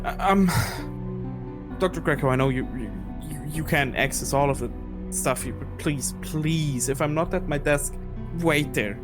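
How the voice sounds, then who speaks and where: A man voicing a jumpy young male night security guard with a shaky, shouting manner, as game master in a tabletop game. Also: fairly high pitch, moderate pace, pitched above the performer's own voice, lightly acted. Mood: rattled. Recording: music bed underneath.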